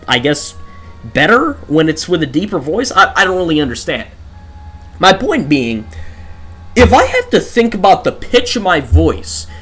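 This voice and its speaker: A gaming livestreamer with a slightly high, somewhat bright voice sounds exhausted as he streams a game. He rambles into a desk microphone, thinking aloud in a rant full of rhetorical questions and restarts.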